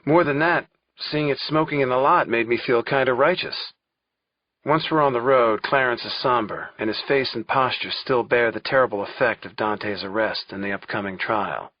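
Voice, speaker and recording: Husky male thriller narrator. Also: medium pitch, normal speed. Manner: wry, conversational first-person telling. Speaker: audiobook narrator. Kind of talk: first-person thriller narration. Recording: dull lo-fi recording.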